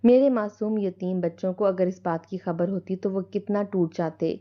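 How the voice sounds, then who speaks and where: A gentle young mother who forgives quietly, her voice soft and calm, as a woman narrator reads her. Mid-pitched, with a slightly muffled recording. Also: natural voice. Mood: forgiving.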